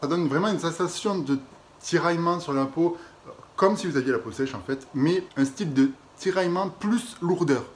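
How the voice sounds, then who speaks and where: French guy, young, fairly high voice, lively product-review chat, faint hiss behind. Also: moderate pace. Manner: chatty, expressive, laughs and exaggerates. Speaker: beauty vlogger. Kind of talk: casual product review vlog.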